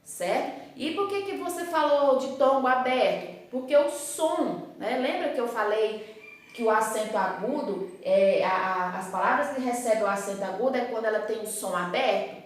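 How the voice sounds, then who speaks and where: A woman's voice: on the high side, expressive, normal speed. A woman teacher explaining a grammar lesson to pupils, asking rhetorical questions and checking in with frequent tag questions. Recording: very echoey room, voice from a distance.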